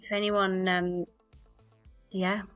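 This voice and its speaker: A woman's voice: medium pitch, level tone, slow, fairly bright tone, clean tone, no room sound, lo-fi sound, faint music behind. A woman chatting casually as a guest on a live stream, frank and teasing, swearing freely. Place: home streaming setup.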